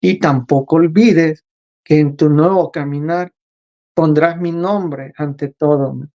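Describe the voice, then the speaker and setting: A man voicing a gentle, calm divine father figure, speaking very slowly and softly. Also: a little high, lo-fi sound. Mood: solemn. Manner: very slow, soft, solemn.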